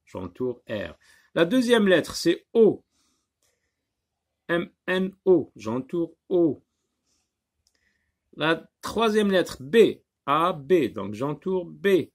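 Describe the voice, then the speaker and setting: Slow gravelly male teacher spelling letters. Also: fairly high pitch, sing-song. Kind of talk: slow spelling lesson for children.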